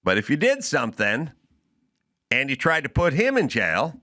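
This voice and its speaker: A man's voice: medium pitch, wildly swooping pitch, moderate pace, sharp tone. A middle-aged man hosting a podcast, delivering an opinionated comedic rant and acting out both sides of imagined exchanges. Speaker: podcast host.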